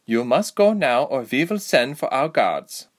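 A man's voice: mid-range voice, very animated, measured pace, pitched above the performer's own voice. A man reading aloud, voicing a formal, aloof mermaid royal who answers stiffly. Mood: formal, haughty. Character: cold, formal mermaid princess, haughty.

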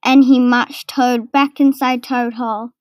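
A woman reading a children's storybook aloud, slow and careful. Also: fairly high pitch, little pitch movement, no room sound. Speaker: narrator.

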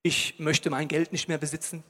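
A man's voice: a little high, level tone, normal speed, pushed and bright, voice pushed down. A preacher acting out a smug, flashy, party-loving rich little man who talks in offhand slang. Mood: scornful. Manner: slangy, offhand, self-satisfied. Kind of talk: acted quote in a sermon.

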